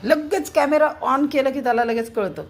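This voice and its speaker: A woman's voice: high voice, moderate pace, soft background music. A woman vlogger talking to her pet cats at home, scolding and coaxing them like children while chopping vegetables.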